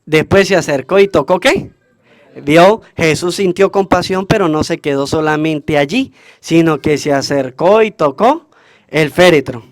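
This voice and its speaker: Priest with a high voice, dry close sound, teaching by question and answer during Mass. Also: male voice, normal speed, no room sound. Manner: asks the congregation questions and answers them himself. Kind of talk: call-and-response homily at Mass.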